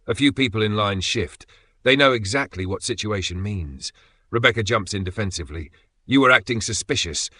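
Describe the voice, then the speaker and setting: A man narrating a dramatic story in a steady, measured way with pauses for effect. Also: lowish voice, slightly rough, no room sound.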